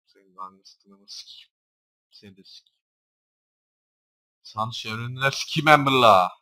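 A young man casually commentates on his own gameplay at a measured pace, swearing nonstop and swinging between low mutters and loud shouts. The audio quality is poor.

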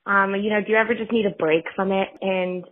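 A woman's voice: medium pitch, fairly even intonation, a little fast. A woman leaving a rambling, casual voice message for a podcast, with fillers and restarts, played back on the show. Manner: rambling, with fillers and self-corrections. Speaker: podcast listener leaving a question. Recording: tinny phone-quality voice message.

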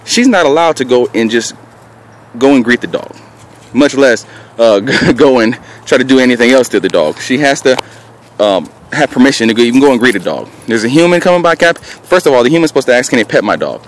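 Animated and brisk, a medium-pitched man walks viewers through dog training in an open park, filmed on a handheld camera he holds himself. Between casual explanations he barks out short, firm commands, and the noisy recording picks up the outdoor surroundings.

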